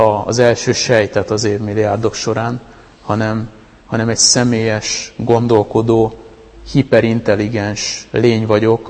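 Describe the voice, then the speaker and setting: A man's voice: fairly low pitch, a little mellow, big-room sound. A man giving an informal, conversational sermon, stopping and restarting his sentences often. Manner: conversational, with many restarts and fillers. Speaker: preacher.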